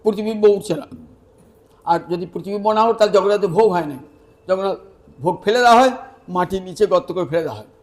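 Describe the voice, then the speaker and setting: A man's voice: high voice, quick pace, long pauses. A man giving a devotional sermon as a storyteller, acting out the lines of the people in the tale. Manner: animated, acts out the dialogue of the tale. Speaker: preacher.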